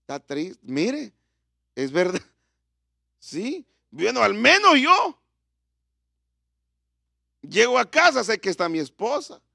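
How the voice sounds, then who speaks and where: A man's voice: high voice, sing-song, slow, gravelly, long pauses, bright, forceful tone, no room sound, studio quality. A middle-aged man preaching a sermon in church, talking conversationally and firing questions at the congregation.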